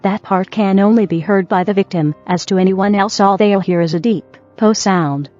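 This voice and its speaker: Delivering scripted back-and-forth as a co-host, this woman needles her partner with dry sarcasm. Her voice is medium-pitched and a little mellow, her pace moderate, and background music runs under the dull, dry recording.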